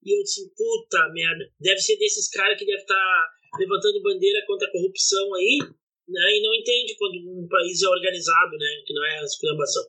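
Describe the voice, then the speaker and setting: A podcast co-host telling travel anecdotes in a casual, animated way. The voice is bright and forward. The tone turns indignant, with frequent swearing. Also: mid-range voice, fairly quick, poor audio. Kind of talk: casual storytelling chat.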